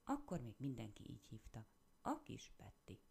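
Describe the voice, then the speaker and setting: Woman doing gentle old man, storybook, dark, gravelly, slow. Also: a bass voice, wildly swooping pitch, pitched below the performer's own voice, full character voice. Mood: tender.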